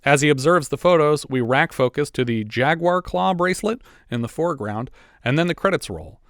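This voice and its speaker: A man's voice: fairly high pitch, animated, a little fast, fairly bright tone, no echo, clean studio sound. A man co-hosting a podcast, casually recapping a movie's plot with chatty asides. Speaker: podcast co-host.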